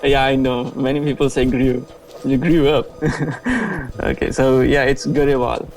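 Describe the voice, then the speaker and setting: A man being interviewed over a video call, hesitant and modest, often laughing and filling pauses. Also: mid-range voice, steady tone, darkish tone. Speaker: interview guest. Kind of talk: casual interview.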